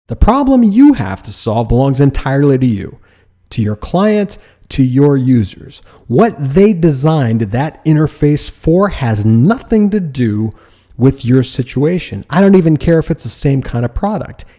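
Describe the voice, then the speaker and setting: A man's voice: medium pitch, dark tone. A man teaching design in a direct lecture style, asking rhetorical questions and using mild sarcasm. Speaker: design instructor.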